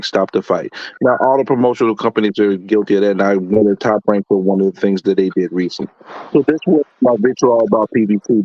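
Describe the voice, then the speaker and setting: A man's voice: on the low side, dry recording. A man on a boxing talk show, arguing his point in an emphatic, opinionated way while his call audio keeps glitching and breaking up. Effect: choppy, glitching internet audio. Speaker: boxing podcast panelist. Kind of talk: casual chat. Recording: dry, muffled lo-fi call audio.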